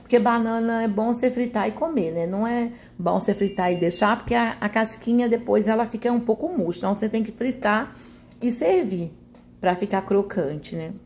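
Talking a little fast in a fairly high, darkish voice, a Brazilian cooking host narrates her recipe in a friendly, homespun manner. She often checks for agreement with small tag questions, and there's a bit of hiss or hum.

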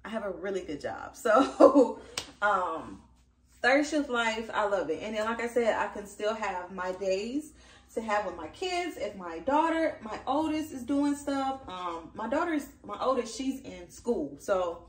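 A woman's voice: mid-range voice, lively intonation, a little slow, recorded from a distance. A woman in her thirties, a working mom, chatting casually to camera from her home kitchen with lots of fillers. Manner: chatty, upbeat, frequent fillers. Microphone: camera across the room. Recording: echoey kitchen, voice from afar.

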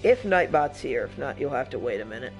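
A young man talks his way through a live game stream at an even, middle pitch. He rambles and restarts his sentences, and grows irritated as the session drags on. The talk is loose and unscripted. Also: fairly quick, soft background music. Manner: rambling, self-interrupting, frustrated. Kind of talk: casual live-stream chat.

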